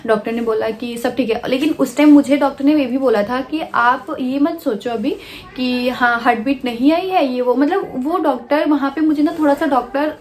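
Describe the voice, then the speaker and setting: A woman vlogger telling a personal story in a soft, hesitant way, pausing often with fillers and restarts. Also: sits high. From India.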